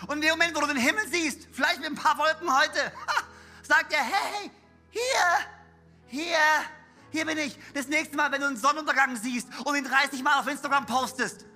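A man preaches in a church with a very high, piercingly bright voice. He swings between near-whispered passages and loud, shouted cries, and his voice sounds worn from shouting. Faint music plays behind him. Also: steady tone, quick pace. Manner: drops in English words. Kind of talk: sermon.

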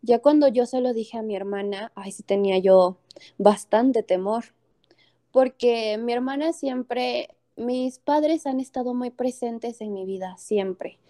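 Earnest young Mexican woman, mellow voice. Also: a little high, a little slow. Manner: earnest, heartfelt, with many fillers and restarts. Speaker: speaker telling a personal story. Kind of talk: personal storytelling.

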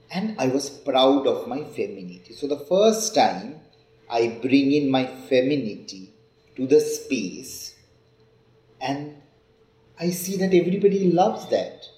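Male storyteller, Bengali Indian accent, mid-pitched voice, feminine and expressive delivery, recorded in a reverberant room. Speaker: storyteller and facilitator. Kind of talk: personal storytelling. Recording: echoey room.

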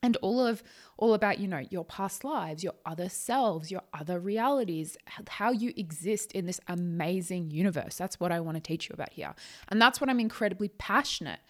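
A woman's voice: fairly low pitch, expressive, brisk. A woman talking casually on a solo podcast, chatty and a little nervous, stumbling over her words and rephrasing as she goes. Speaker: podcast host, psychic channel.

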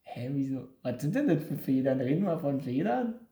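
A woman's voice: rumbling low, big pitch swings, normal speed, dark tone. A woman in a casual quiz chat, talking in blunt, crude, colloquial street slang. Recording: roomy, echoey indoor sound.

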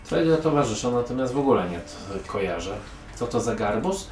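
A man's voice: medium pitch, lively intonation, brisk, darkish tone, close to an everyday voice. A man voicing a sarcastic, condescending young woman from a merchant family in a tabletop game. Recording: echoey room, mic far off, music behind.

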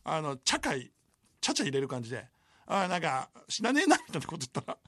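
A man's voice: fairly high pitch, quick pace, dry recording, clean studio sound. A man in his forties hosting late-night radio, telling a story with lots of laughter. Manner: animated storytelling with frequent laughter. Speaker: radio host. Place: radio studio. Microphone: studio microphone.

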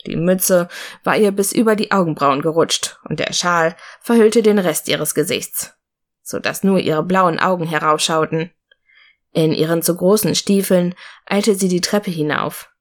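Woman narrator, audiobook, steady even reading, lowish pitch. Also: unhurried. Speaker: audiobook reader. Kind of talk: scripted narration.

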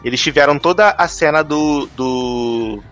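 A man's voice: unhurried, fairly bright tone, faint music behind. A man in casual podcast talk, rambling and acting out film scenes in funny voices. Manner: chatty, rambling, acts out scenes in high voices.

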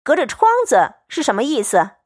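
A shrewd noblewoman, as a woman reader puts her on, mocks in a cold, commanding tone that rises high and sharp. Dry, close storybook sound. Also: big pitch swings, normal speed, slightly rough, dry recording. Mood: sarcastic. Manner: sarcastic, commanding. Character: shrewd domineering young noblewoman, coldly mocking.

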